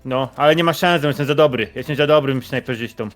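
A man's voice: medium pitch, quick pace, soft background music. A man co-playing a video game, bragging playfully about his skill in casual chat. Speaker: co-player, guest gamer.

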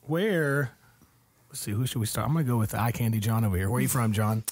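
A man's voice: medium pitch, a little fast, a little mellow, breathy edge, no room sound. A man hosting a casual podcast from his home, chatty and fond of corny jokes. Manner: jokey, chatty, laughs easily. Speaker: podcast host, singer-songwriter. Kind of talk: casual chat. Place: home studio.

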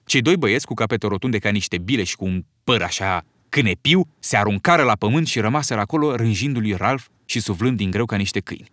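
A man narrating an audiobook in an expressive storytelling manner. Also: lowish voice, hardly any pauses, no echo. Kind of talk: scripted narration.

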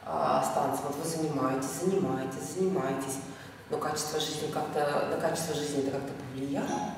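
A woman's voice: low voice, steady tone, a little mellow, far from the mic. Chatty woman interviewer, echoey hall. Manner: chatty, halting questions with many restarts. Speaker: dance teacher interviewing a student. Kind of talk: casual interview. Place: large dance studio, indoors. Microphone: far camera.

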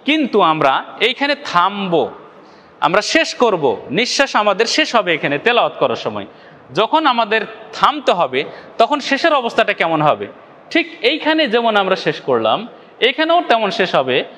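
A man with a high, light voice teaches recitation rules in a patient, methodical way. He talks to his viewers directly as he breaks each rule into small steps. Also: very animated, pushed and bright. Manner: explains rules slowly, often addressing "dear viewers" and drawing out sample recitations. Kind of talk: step-by-step recitation lesson.

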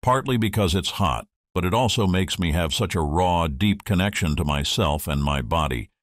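A man putting on a deep, slow, mock-serious narrator voice to read a quote aloud. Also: expressive, no echo, studio quality. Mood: mock-solemn.

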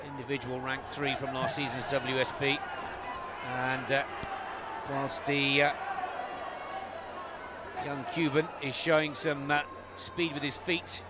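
A man giving measured live boxing commentary in short, halting phrases. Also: mid-range voice, flat delivery, a loud crowd, very noisy.

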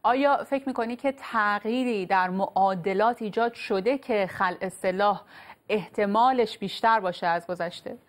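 A woman in her thirties with an Iranian Persian accent, presenting the news and interviewing in a measured, formal newsreader manner. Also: medium pitch. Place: large TV news studio, indoors.

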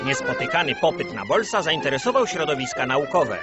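A man's voice: mid-range voice, big pitch swings, fairly quick. A man narrating in the manner of an old communist-era newsreel, grandiose, solemn and rousing in a scripted mock-propaganda style. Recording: dull lo-fi sound under loud music.

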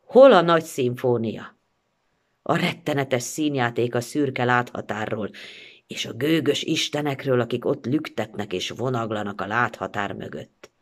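A woman acts out a proud, silent young man who answers dryly and curtly. His lines are clipped and low against a lively recital. It is a theatrical reading of a story.

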